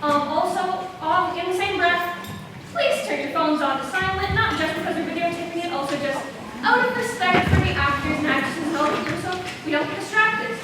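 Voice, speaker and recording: Before her school play begins, a young woman who wrote it gives an earnest, informal welcome speech, slightly hesitant, in a very high-pitched voice at a fairly quick pace. She's in an echoey performance space with a seated audience. A distant video camera at the back captures the noisy, echoing hall.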